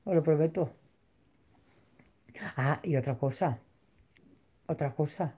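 A woman's voice: deep voice, slow, dark tone, breathy edge. A woman chatting emotionally on a livestream, theatrical and exaggerated, reading comments from viewers. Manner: theatrical, tearful, laughing and exaggerated. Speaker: vlogger reading live chat. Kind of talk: emotional casual livestream chat.

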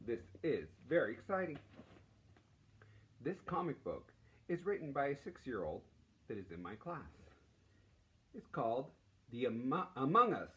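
A primary school teacher in his forties reads aloud to children in a small indoor classroom. His medium-pitched voice is unhurried, with frequent pauses, and his manner is animated, playful, and encouraging.

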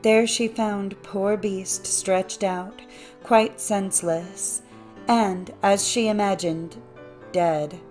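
A woman narrating a classic fairy tale as an audiobook, in a measured, even storytelling manner. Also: mid-range voice, faint music behind.

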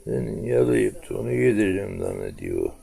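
A man's voice: on the low side, wildly swooping pitch, brisk, gravelly, dark tone. A man filming his mother cat and her kitten at home, talking to them in a coaxing, tender way and narrating what the cat does. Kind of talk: casual home video narration.

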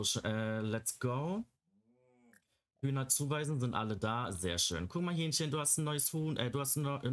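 A young man giving casual gameplay commentary in a chatty way, often cooing baby talk at the game characters. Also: lowish voice. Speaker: Let's Play gamer.

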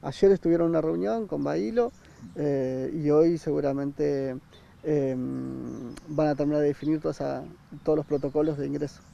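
A man, a campground manager speaking haltingly in an outdoor interview. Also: a little high, steady tone, gravelly, mellow. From Argentina. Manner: hesitant, many fillers and restarts. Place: outdoor park by a river. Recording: dull sound, faint outdoor noise.

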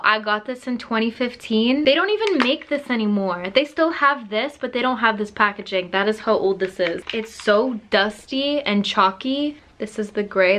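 A young woman chatting excitedly in a casual vlog at home, gushing and swearing freely. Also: a little high. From United Kingdom. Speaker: beauty vlogger. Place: at home, indoors.

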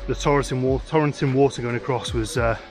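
Holding the camera at arm's length in a wooded glen, a British landscape photographer in his forties rambles casually through his vlog, restarting often and using lots of fillers. He talks fast in a steady, mid-range voice over background music.

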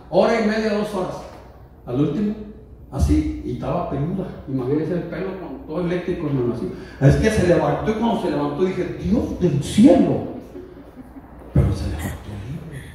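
A man preaches to his congregation in a high, mellow voice that leaps up and down, joking and then shouting. The sound comes from far off in a very echoey church hall, with a faint room hum behind him. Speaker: pastor. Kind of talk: sermon.

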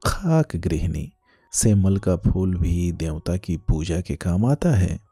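Heartbroken young woman, read by a man, restrained and earnest, deep husky voice, gravelly. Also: sing-song, slow, warm tone, no echo, faint music behind, heavily acted. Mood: wry.

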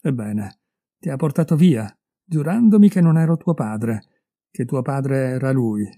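A man's voice: mid-range voice, animated, a little slow, dark tone, no room sound. A man voicing a bitter, wronged middle-aged husband who accuses his wife in a raised, heated voice, in a dry, close recording. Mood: furious, accusing.

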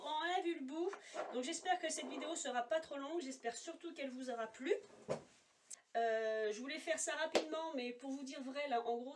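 A high-sitting female voice, with a little hiss or hum, belongs to a beauty vlogger making a casual makeup swatch vlog at home. She chatters and rambles, leaning on fillers, while facing a camera placed apart from her with no monitor, so her voice comes across a bit far from the mic.

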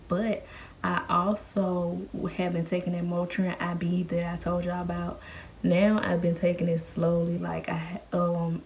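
A woman's voice: on the low side, warm tone. An American woman in her twenties chatting casually and informally to camera as a vlogger in a room at home. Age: 20s. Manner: informal, conversational. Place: small indoor room at home. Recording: noticeable background room noise.

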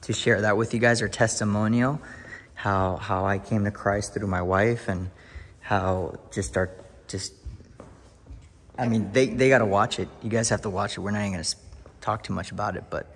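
Touring an empty new house for his viewers, this man later heads out to the covered back patio and shifts into upbeat, hyped preaching. His lowish voice keeps a steady tone at a normal speed, and the whole thing plays like a casual house-tour vlog.

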